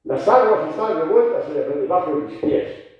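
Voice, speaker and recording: Man acting out a sinking man crying to the Lord, pleading, high strained cries, booming church echo. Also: lively intonation, unhurried. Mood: desperate pleading. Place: large church. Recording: echoey church, distant dull mic.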